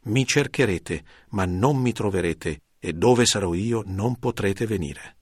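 A man reading as Jesus, solemn and low. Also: breathy edge, dry recording, studio quality. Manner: measured, solemn delivery. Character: calm, authoritative male teacher, Jesus. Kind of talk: scripted Bible reading.

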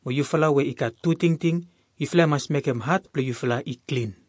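Husky Melanesian man reading scripture. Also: on the high side, fairly quick, a little mellow, dry recording, clean studio sound. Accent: Melanesian Pidgin. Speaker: scripture reader. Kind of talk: reading Bible verses aloud.

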